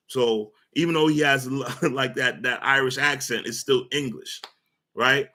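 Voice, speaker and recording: With a mid-range, slightly bright voice, the man hosting sports commentary goes on a blunt, meandering rant. His speech is full of stumbles, repetition and fillers like "uh" and "you know" as he gropes toward his argument.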